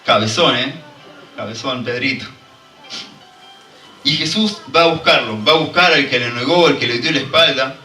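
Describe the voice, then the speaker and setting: A man's voice: medium pitch, moderate pace, pauses often, pushed and bright, roomy sound, far from the mic, faint music behind, rough recording. A man preaching a fervent sermon and drawing call-and-response from the congregation. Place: church hall.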